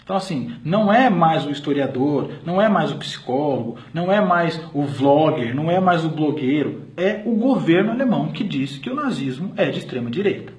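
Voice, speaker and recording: A man's voice: a little high, expressive, brisk, few pauses. A man with a Brazilian accent presenting an explanatory video lecture, hesitating often with filler sounds and restarting phrases. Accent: Brazilian Portuguese. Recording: roomy echo.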